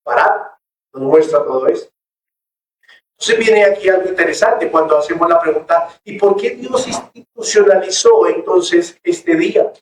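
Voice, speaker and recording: A pastor preaching a sermon to his church, slow and emphatic, asking rhetorical questions. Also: high-pitched, rough recording.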